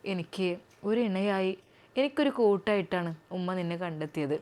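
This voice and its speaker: A woman voicing a gentle, soft-spoken young male doctor who talks to his wife in a low, soothing way. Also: expressive, moderate pace, close to an everyday voice.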